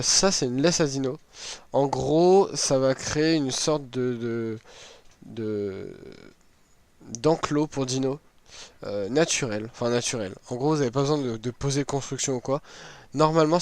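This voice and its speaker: A man with a hoarse, worn-out, sick-sounding voice, giving a casual, hesitant walkthrough as a gaming video host. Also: mid-range voice, measured pace, long pauses, no echo. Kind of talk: casual game item walkthrough.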